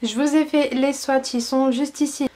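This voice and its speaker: A woman's voice: high voice, fairly even intonation, moderate pace, warm tone. A young woman from France chatting enthusiastically through a beauty unboxing, listing each product with frequent fillers. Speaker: beauty vlogger. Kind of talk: casual unboxing chat.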